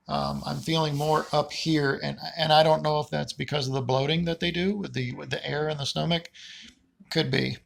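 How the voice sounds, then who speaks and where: A man with a creaky voice giving a casual, unscripted personal update in a halting, rambling, plain-spoken way. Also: on the high side, fairly bright tone. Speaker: patient vlogger giving a recovery update.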